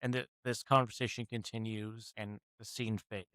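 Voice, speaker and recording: A male game master narrating a tabletop game at a measured, deliberate pace. His voice is mid-pitched and plain. The sound is close and dry. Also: flat delivery, a bit bright, smooth, no echo.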